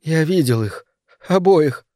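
A man's voice: on the high side, expressive, takes it slowly, a little mellow, no echo, studio quality, voice pushed up. A man voicing a terrified nine-year-old boy in shock, pleading in a shaky voice. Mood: shaken.

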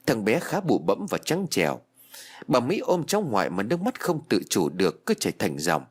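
A man narrating a ghost story audiobook in an expressive reading voice, voicing all the characters. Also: on the low side, moderate pace, slightly rough. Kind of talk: scripted narration.

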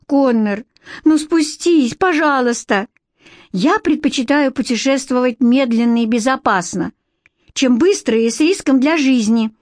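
A woman's voice: sits high, normal speed, a little mellow, no echo, studio quality, voice pushed up, natural voice. A woman voicing a careful, worried twelve-year-old girl in a storybook reading, pleading and scolding.

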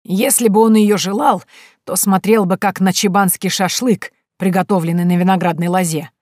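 A woman reading an audiobook voices a sharp-tongued, domineering old mother-in-law who scolds slowly and cuttingly. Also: mid-range voice, steady tone, no echo, clean studio sound, close to an everyday voice. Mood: scolding.

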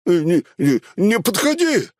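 A man's voice: lowish voice, huge pitch swings, measured pace, breathy edge, no room sound, studio quality, heavily acted. A man doing a stammering, cowardly road bandit. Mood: shrill threatening. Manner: stammering, crude slangy speech full of "э". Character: cowardly scarred male road bandit, crude and jumpy.

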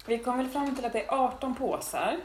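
A Swedish woman hosting a casual chat podcast, relaxed and hesitant with many fillers. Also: a little high, slight background noise. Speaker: podcast host. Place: indoor room with rain outside. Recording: roomy room, rain on window.

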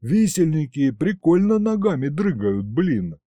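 A crude young brute who mocks and talks coarsely, as a man puts him on, his tone lively and a bit distant. This audiobook voice is recorded dry. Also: fairly high pitch, measured pace, no echo. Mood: mocking. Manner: coarse, mocking.

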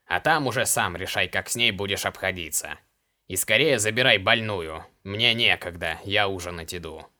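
A man voicing a greedy, rude male slave trader who grumbles loudly and dismissively in an audiobook. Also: low voice, moderate pace. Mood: grumbling.

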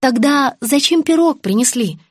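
A sharp-tongued clinic receptionist, as a woman reads her, firing off mocking remarks in a high, snappy voice. The reading is dry and close. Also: animated, normal speed, no room sound.

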